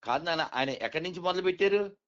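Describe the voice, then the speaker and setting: A man's voice: high voice, expressive, fast talker. A man lecturing on spiritual matters, firing rhetorical questions and coaxing his listener along. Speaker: spiritual speaker. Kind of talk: explaining conversation. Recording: dull lo-fi recording.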